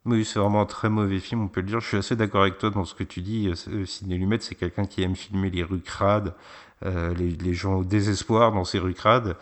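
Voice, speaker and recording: A man with a fairly low voice chats about films on a podcast. He talks casually, pausing often with fillers as he weighs his opinions. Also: fairly even intonation. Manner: hesitant, many fillers. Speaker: film podcast co-host. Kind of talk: casual film review chat.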